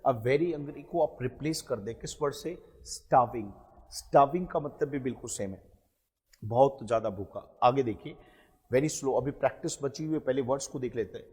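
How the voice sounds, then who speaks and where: Husky male teacher in a reverberant hall. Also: medium pitch, a little mellow. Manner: explains each word slowly, repeating example sentences. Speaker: English teacher. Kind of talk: spoken vocabulary lesson.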